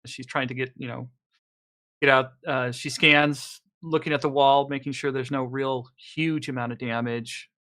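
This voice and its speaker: A man with a bright, forceful voice plays a tabletop game. He describes his character's moves loosely, thinking aloud as he goes. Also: mid-range voice, fairly even intonation, normal speed. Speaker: player.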